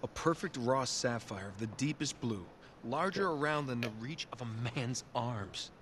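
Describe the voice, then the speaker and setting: A man's voice: medium pitch, expressive, moderate pace, fairly bright tone, lightly acted. Man doing a cocky male adventurer, confident, game audio with background noise. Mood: scheming. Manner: confident, scheming. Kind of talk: video game cutscene dialogue.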